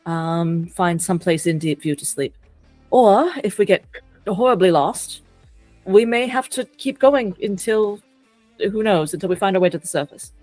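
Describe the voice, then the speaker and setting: A woman's voice: mid-range voice, animated, a little slow, a little mellow, no echo, faint music behind, rough recording. A woman playing a tabletop role-playing game, speaking in character and weighing options aloud. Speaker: player.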